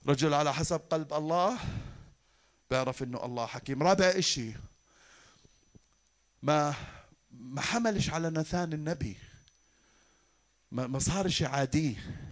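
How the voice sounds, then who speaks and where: A man preaching a sermon from a church pulpit in Levantine Arabic, animated and fervent as he talks to his congregation. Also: fairly high pitch, normal speed, pauses often. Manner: animated, fervent, addresses the flock warmly. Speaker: pastor.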